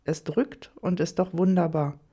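A woman narrating an erotic audio story in the first person, reading slowly and softly. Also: fairly low pitch, breathy edge.

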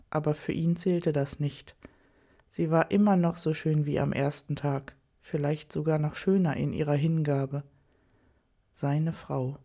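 A reader giving a calm, measured scripted narration of a story, unhurried and even. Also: medium pitch.

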